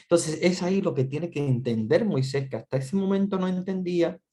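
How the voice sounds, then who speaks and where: A man's voice: sits high, a little fast, mellow. A man teaching an online Bible class, earnest and repetitive, with frequent restarts and fillers.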